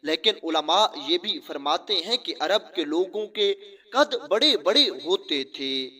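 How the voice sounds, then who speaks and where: A man narrates a religious story, reverent and earnest, with frequent honorifics. His voice is high and very lively, and it has a bright, forceful edge.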